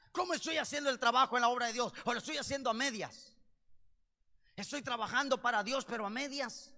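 A man preaching a sermon with passion, swinging between loud cries and low, intense passages. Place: church. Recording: long reverb of a church hall.

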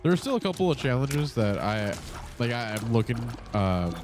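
At his home setup with a monitor, a male gaming channel host gives loose, rambling commentary on his gameplay, with music playing underneath. His congested mid-range voice has a sing-song lilt at normal speed, and he swears often and fills his talk with fillers.

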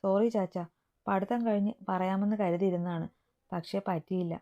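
A woman voicing a timid, soft-spoken young woman, a younger sister, in a dull lo-fi recording. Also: medium pitch, steady tone, moderate pace, natural voice.

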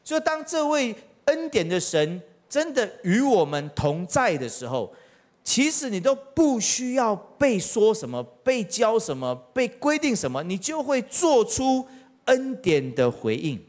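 A man's voice: sits high, sing-song, unhurried, darkish tone. A middle-aged man preaching a sermon as pastor, telling stories with acted-out quotes and rhetorical questions. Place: church.

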